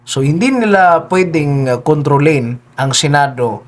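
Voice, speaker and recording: A man's voice: a little high, expressive, unhurried. A man giving solo political commentary, speaking politely, with frequent hesitations, and often turning to his listeners with tag questions. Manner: keeps addressing listeners, tags lines with "no?" and "di ba?".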